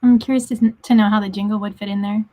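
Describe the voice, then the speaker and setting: A woman co-hosting a live stream, chiming in with curious, lively remarks in casual chat. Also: medium pitch, fast talker.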